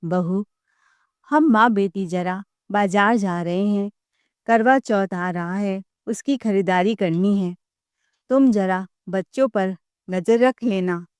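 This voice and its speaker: A woman's voice: mid-range voice, takes it slowly, darkish tone, clean tone, no room sound, lightly acted. A woman voicing a bossy older mother-in-law who gives orders. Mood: instructing.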